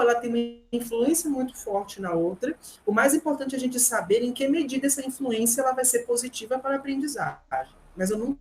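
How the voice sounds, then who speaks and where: Her voice sits on the high side with a darkish tone, recorded roughly with slight background noise. As a middle-aged language teacher with a Brazilian Portuguese accent, she earnestly answers interview questions in an explanatory way, often restarting slightly and tacking on tag questions.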